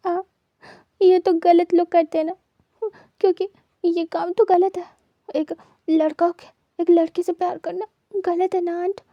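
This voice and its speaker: A woman's voice: very high voice, little pitch movement, a little slow, pauses often, no echo, lo-fi sound, pitched above the performer's own voice. A woman voicing a tearful, emotional young man who stammers and repeats words while crying. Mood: tearful pleading. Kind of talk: dramatized story reading.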